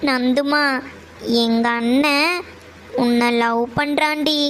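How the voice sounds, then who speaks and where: A woman's voice: high voice, steady tone, takes it slowly, fairly bright tone, slight background noise. A woman doing a pushy, chatty cartoon village girl. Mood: pleading. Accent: Coimbatore Kongu Tamil. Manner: coaxing, insistent.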